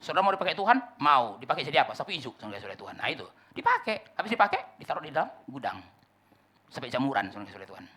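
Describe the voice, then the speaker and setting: Male pastor from the Manado area, fast bright delivery, preaching with sudden hushed drops. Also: mid-range voice, sing-song, breathy edge. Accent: Indonesian, Manado area. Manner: preaching with repeated congregation address, acted-out dialogue, sudden drops to a hush. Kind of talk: sermon.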